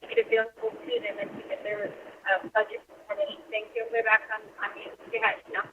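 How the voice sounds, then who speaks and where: Woman on a tinny, crackly phone line that cuts in and out, halting and hesitant, faint hiss behind. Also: a little high, sing-song, fairly bright tone. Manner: halting, full of fillers. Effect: crackly phone line breaking up. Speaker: committee member calling in. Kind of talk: hesitant questions in a meeting.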